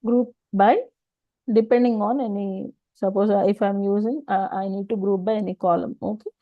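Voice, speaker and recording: Casting: female instructor, South Indian accent, mid-pitched, explains step by step with rhetorical questions, dry muffled online-class sound. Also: steady tone, moderate pace, no room sound. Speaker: data engineering instructor. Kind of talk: informal technical lesson.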